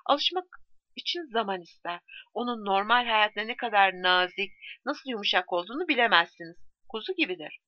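A woman voicing a calm, gentle male soldier who soothes and reassures, in a slightly dull recording. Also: medium pitch, a little fast, no echo, close to an everyday voice. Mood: soothing. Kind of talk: audiobook reading.

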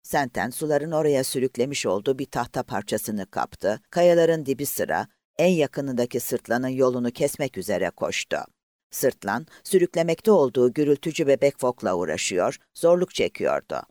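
Dry, studio-quality audio carries a man's mid-range voice as he narrates a novel for an audiobook. The scripted reading is measured and expressive, in a storytelling manner.

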